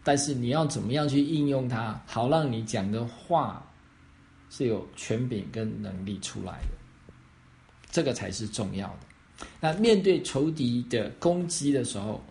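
A man's voice: medium pitch, animated, a little slow, gravelly, a little mellow. A man pastor answering questions on faith, explaining step by step and often checking that he is understood.

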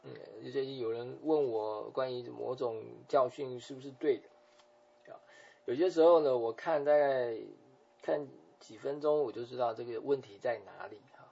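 A man preaching a sermon as a pastor, explaining scripture patiently and softening his points with frequent tag particles. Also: mid-range voice, moderate pace, creaky, breathy edge. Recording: dull lo-fi recording.

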